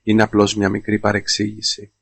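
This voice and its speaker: A man's voice: lowish voice, completely flat delivery, gravelly, fairly bright tone, slightly rough, heavily acted. A man reading as a pleading young husband.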